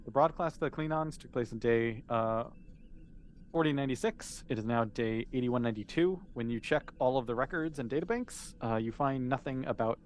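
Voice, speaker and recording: A man with a mid-range voice talks a little fast over slight background noise. He's running a tabletop game as game master, narrating casually and conversationally, improvising as he goes.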